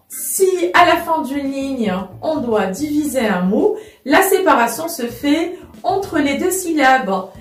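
A high-voiced woman gives a slow, careful French lesson and spells out each example. She sounds a little far from the mic in an echoey room, with faint music underneath. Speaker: French teacher. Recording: echoey room, voice from a distance, soft music behind.

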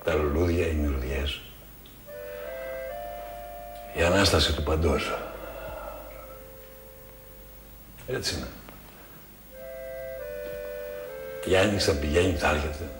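A man's voice: very deep voice, reverberant, music in the background. An actor playing an ironic, teasing friend who mocks his colleague. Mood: wistful. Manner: ironic, teasing, rising to mockery. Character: mocking friend, ironic and philosophical. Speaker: actor in TV drama.

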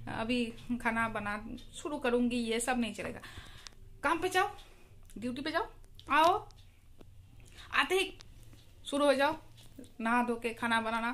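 A woman's voice: fairly high pitch, fairly bright tone. A young woman from India chatting casually in her vlog about her daily routine, sometimes cooing baby talk to a small child. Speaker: vlogger. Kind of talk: casual chat.

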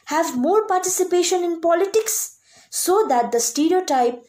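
A woman's voice: extremely high pitch, lively intonation, normal speed, warm tone. A young woman from Sikkim with an Indian accent, giving a prepared competition speech in a stiff, memorized, declamatory manner. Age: young adult. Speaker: college student speech contestant. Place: small room indoors.

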